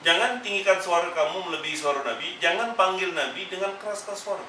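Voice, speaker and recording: A man's voice: high voice, fast talker, sharp tone, a little hiss or hum. Emphatic man teaching in an echoey room. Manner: emphatic, repetitive admonishing. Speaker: religious teacher. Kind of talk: Quran exegesis class. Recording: echoey room, mic far off.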